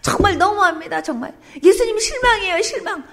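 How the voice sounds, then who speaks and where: A woman's voice: sits high, expressive, moderate pace, a little mellow. A woman preacher voicing a desperate mother begging for her daughter's healing, with pleading, indignant outbursts.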